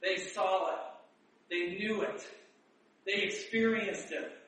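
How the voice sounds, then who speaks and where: A man giving a chatty Bible teaching, asking rhetorical questions and reading verses slowly. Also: high-pitched, steady tone, a bit bright. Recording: roomy echo, distant mic.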